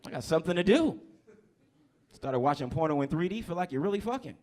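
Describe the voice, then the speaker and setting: Crude, lively stand-up comedian man. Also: on the high side, fast talker. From New Jersey. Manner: loose, crude, crowd-teasing. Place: comedy club stage.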